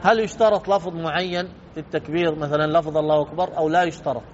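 A man's voice: fairly high pitch, steady tone, rapid-fire. A man teaching a religious lesson on jurisprudence, explaining rulings methodically and repeating key points for emphasis. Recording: dull lo-fi with faint noise.

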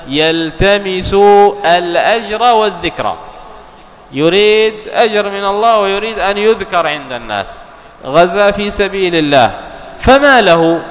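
A man giving a religious lesson, explaining texts in a measured way, repeating key phrases and half-chanting quotations. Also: a little high, fairly bright tone, highs cut off. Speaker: Islamic scholar teaching. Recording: long hall reverb.

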